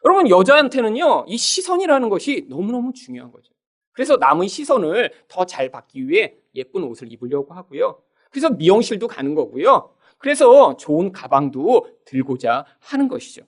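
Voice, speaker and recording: Lively high-voiced male pastor preaching. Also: moderate pace. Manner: animated preaching, often addresses "여러분", acts out quoted voices. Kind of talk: sermon. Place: church sanctuary.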